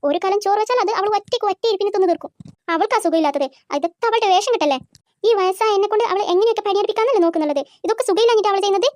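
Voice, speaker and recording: A shrill, very high cartoon voice of a nagging old mother-in-law, rattling off sarcastic complaints at a quick clip. The sound is dry and close. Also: a little mellow, no room sound. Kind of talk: cartoon voice acting.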